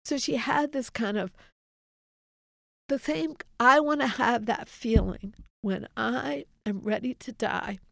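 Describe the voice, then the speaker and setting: A woman's voice: a little high, slow pace, creaky, no room sound, studio quality. A middle-aged woman giving a heartfelt faith testimony as an interview guest, earnest and reflective. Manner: earnest, reflective, quotes others in dialogue.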